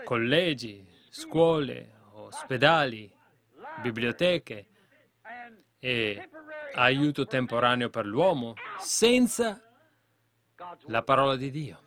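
A man preaching a fervent sermon to a congregation, building to loud exhortations. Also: mid-range voice, expressive, slow.

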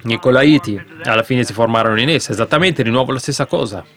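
A man preaching to a congregation in an ordinary mid-range voice. He presses his points with rhetorical questions, pushes up into loud emphatic bursts, then drops into quieter asides. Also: quick pace. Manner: swings between sudden raised bursts and low asides. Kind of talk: sermon.

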